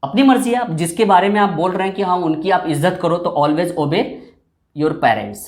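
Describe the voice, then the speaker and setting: A man's voice: high voice, lively intonation, normal speed. Patient male teacher in an echoey room. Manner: patient, repeats and drills example phrases. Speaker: English teacher. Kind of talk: explanatory classroom lesson.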